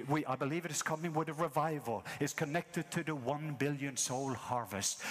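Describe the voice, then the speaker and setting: A man who grew up in Norway, preaching an impassioned sermon to a congregation. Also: fairly high pitch. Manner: impassioned, repetitive preaching cadence. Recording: long hall reverb.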